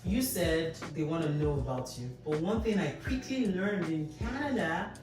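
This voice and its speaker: A woman guest in a casual panel chat, speaking in a measured, reflective way. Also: fairly low pitch, animated, very noisy. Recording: roomy echo, distant mic, music behind.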